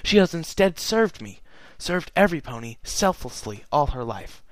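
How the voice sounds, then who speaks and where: A man's voice: fairly high pitch, big pitch swings, normal speed, no room sound, voice pushed up. A man voicing Princess Celestia, raised and solemn. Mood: solemn, wistful. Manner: solemn, earnest letter-reading. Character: regal, sorrowful immortal pony princess, woman. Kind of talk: fan fiction reading.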